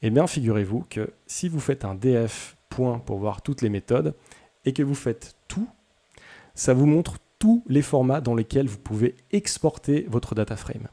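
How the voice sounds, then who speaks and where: A man's voice: medium pitch, lively intonation, measured pace, mellow. Chatty man teaching code. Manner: chatty, self-deprecating, frequent hesitations. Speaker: coding tutorial host. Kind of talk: casual screen-recorded coding tutorial.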